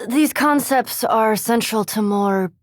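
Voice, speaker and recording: A female voice, a little high, takes its time as an actress portrays a haughty, learned elf vampire in a fantasy video game, formal and precise in diction and dry, disdainful in her sarcasm. There's no echo, and the mood is grave and measured.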